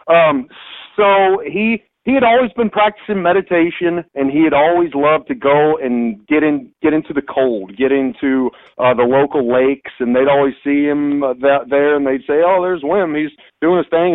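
A man from Kentucky calling in to a radio talk show, explaining a topic in a halting way with frequent restarts and fillers, heard over the phone line. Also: a little high, no room sound. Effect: phone line call-in voice. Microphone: telephone. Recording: tinny phone line, dry.

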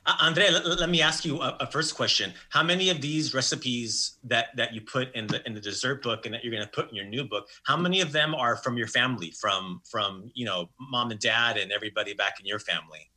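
A man hosting a casual show, excited and halting with many fillers. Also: medium pitch. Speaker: host.

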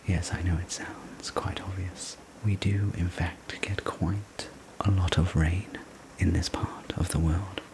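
A man telling a sleep story as a whispered role-play, gentle, soothing and unhurried, speaking as a server looking after a guest. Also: deep voice, noisy background. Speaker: sleep story narrator playing a night-shift diner server.

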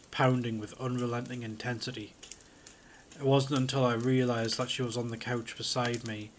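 Guy reading a creepy story, kinda monotone, bit of background hiss. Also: mid-range voice. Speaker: podcast host reading a horror story. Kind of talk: scripted horror narration.

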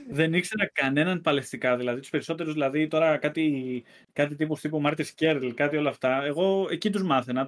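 A man co-hosting a casual wrestling podcast, rambling with lots of fillers as he gathers his thoughts. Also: fairly high pitch. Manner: rambling, many fillers and restarts. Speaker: podcast co-host.

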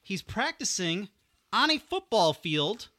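Podcast co-host dude, super bright voice, bouncy and lively, laughs a lot. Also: male voice, high voice, slow pace. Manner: laughs easily, animated. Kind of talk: casual chat. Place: small home studio.

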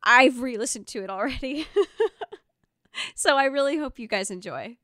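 A woman's voice: high-pitched, moderate pace, fairly bright tone, no echo, studio quality. A woman hosting a podcast in a casual, enthusiastic, gushing style. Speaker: podcast host.

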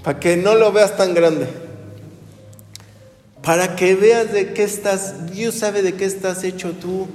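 A man preaching a sermon as pastor, telling stories with animated delivery and acting out the people he quotes. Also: high-pitched, slow, pauses often, faint music behind. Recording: roomy hall with long reverb.

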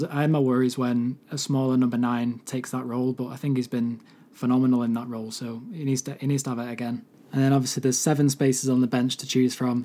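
A hoarse man whose voice has mostly gone, talking solo as a football podcast host. His tone is mellow and dark, with little rise and fall in pitch. He gives his opinions earnestly, like a devoted fan.

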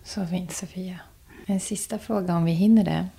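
Husky low-voiced woman host. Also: steady tone, mellow. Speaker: podcast host. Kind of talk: interview hosting.

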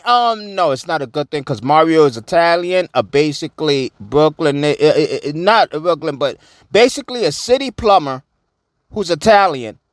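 Animated slangy New man. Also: on the high side, no room sound, studio quality. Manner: animated, slangy, repeats himself. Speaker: vlogger. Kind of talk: casual opinion commentary.

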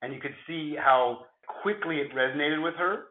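A man with a gravelly voice, hoarse from flu, explaining things conversationally as an interview guest in measured phrases. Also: fairly high pitch, reverberant, phone-quality sound. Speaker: interview guest, futurist at a film studio.

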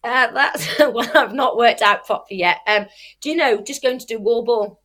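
A woman's voice: fairly high pitch, moderate pace, a bit bright. A woman who says w for r, chatting casually in an interview and explaining things with examples and self-corrections. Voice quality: cannot pronounce R well, says w for r. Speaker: athlete and youth sports coach.

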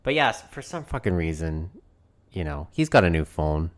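A man's voice: sits low, normal speed, slight background noise. A man co-hosting a podcast, swearing often and joking in casual chat. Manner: profane, joking, animated. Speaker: podcast co-host.

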